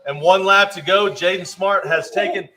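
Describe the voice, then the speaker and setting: Man, race commentator, high voice, excitable, live motocross calls. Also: moderate pace. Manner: excitable, gives viewer shout-outs.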